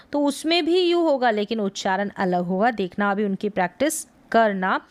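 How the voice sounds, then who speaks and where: A woman teaching English pronunciation in a slow lesson, spelling out letters and repeating each word. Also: fairly high pitch. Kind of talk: slow explanatory lesson in Hindi.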